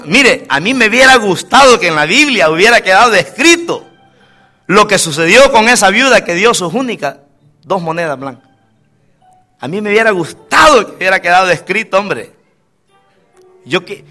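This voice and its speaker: A man preaching a lively sermon as pastor, mixing jokes and stories, calling out to listeners as brother and dropping into quieter asides. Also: high voice.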